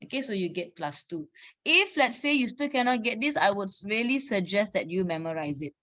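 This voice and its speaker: Brisk woman teacher quizzing her class. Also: mid-range voice, animated, fairly bright tone. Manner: brisk, quizzing students, frequent "okay". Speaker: chemistry teacher. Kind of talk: online class revision lesson.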